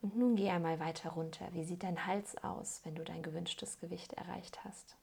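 A woman leading a soothing guided meditation as a hypnosis guide, calm and gently instructing, in a soft, breathy voice that often trails toward a whisper. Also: fairly low pitch, normal speed.

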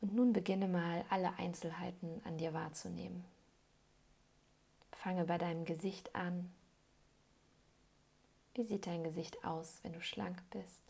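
Leading a soothing meditation as a hypnosis guide, a woman speaks calmly and unhurriedly in a lowish voice, pausing often. Her gentle instructions come in a soft, breathy voice that frequently drifts toward a whisper.

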